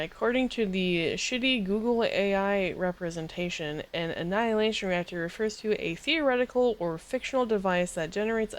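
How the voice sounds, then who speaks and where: A woman streamer giving casual gaming commentary, swearing freely and reacting with excitable disbelief. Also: medium pitch.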